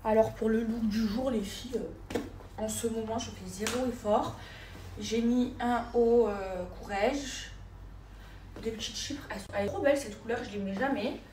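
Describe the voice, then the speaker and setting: A woman's voice: on the high side, fairly even intonation, normal speed, dark tone, slight background noise. A woman in her thirties chatting casually to her followers in a vlog, filming herself on the go. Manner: chatty, keeps calling out to her viewers. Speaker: vlogger. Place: indoors then car and shops, mostly on the go.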